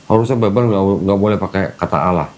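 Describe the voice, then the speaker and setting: A man's voice: low-pitched, fast, darkish tone. A man patiently explaining religious practice step by step, repeating key terms, in casual conversation indoors. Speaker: Islamic teacher guiding a convert. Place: indoors, air-conditioned room.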